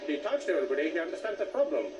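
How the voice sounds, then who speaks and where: A man's voice: a little high, very animated, very fast, music in the background. A man as a passenger at an airport check-in desk, insisting, pleading and angry about a missed flight. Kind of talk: fly-on-the-wall documentary. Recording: distant echoey audio with background noise.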